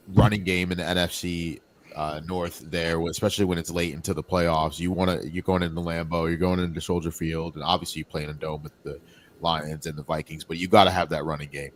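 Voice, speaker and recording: A man's voice: sits low, level tone, a little fast, a little hiss or hum. A man on a sports podcast who stammers and thinks aloud while he gives his view. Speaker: podcast panelist. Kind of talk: casual sports chat.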